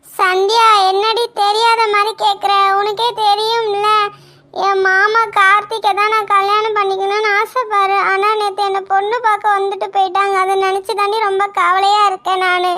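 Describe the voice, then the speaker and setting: A woman plays a shy young cartoon heroine in love, whose very high, bright voice comes out soft and timid. She pleads gently and never raises her voice in anger. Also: flat delivery, normal speed. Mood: worried. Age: young adult. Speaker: cartoon character. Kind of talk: Tamil cartoon voice acting.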